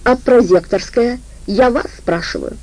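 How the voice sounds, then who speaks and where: A ruthless male gang boss, as a woman reader puts him on, snapping out short furious commands. The voice is gravelly and dark, with a rough creak at the bottom. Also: on the high side, unhurried, pitched above the performer's own voice, low-quality recording. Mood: angry commanding. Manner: curt, furious shouting.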